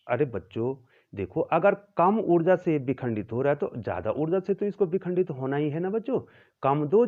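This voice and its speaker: Lively male physics teacher, tinny sound. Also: mid-range voice. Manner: addresses students as children, repeats terms, corrects himself. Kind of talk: classroom lecture.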